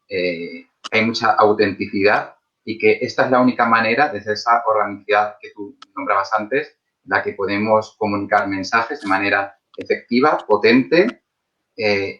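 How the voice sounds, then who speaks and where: Low bright-voiced host, muffled. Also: male voice. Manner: measured, articulate, reads out viewer comments. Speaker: host, actor and trainer. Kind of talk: live online interview.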